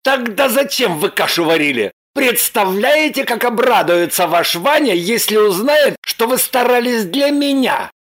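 A man's voice: very high-pitched, expressive, measured pace, few pauses, a bit bright, exaggerated voice. A man voicing a pushy, demanding man on the run in an audiobook, blunt and insistent. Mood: insistent, bossy. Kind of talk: audiobook character voice.

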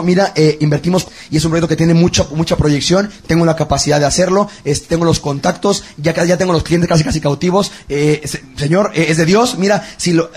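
A Mexican man in his thirties delivers a heartfelt sermon to a youth camp. His voice is husky and pitched a little high. He acts out his own prayers and swings between hushed, breaking lines and sudden lifts in his voice. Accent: Mexican Spanish. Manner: dramatic, quotes prayers, swings loud and hushed. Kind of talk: emotional personal testimony sermon.

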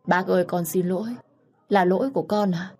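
A woman's voice: lowish voice, brisk, lightly acted. A woman voicing a scheming, two-faced young woman who talks sweetly and shrilly. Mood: sugary.

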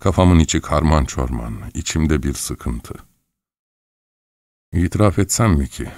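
A man reading a first-person audiobook story in an expressive, wry storytelling manner. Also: rumbling low, unhurried, dry recording. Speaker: audiobook narrator.

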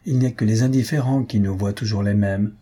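Male audiobook narrator, breathy husky timbre, dark and mellow, steady literary reading. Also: lowish voice, a little fast.

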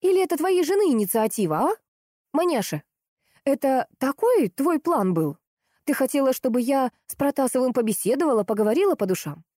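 A woman reading an audiobook voices a sharp, angry young woman, loud and sarcastic, in a raised voice. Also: fairly high pitch, expressive, moderate pace, no echo, studio quality, pitched above the performer's own voice. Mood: heated.

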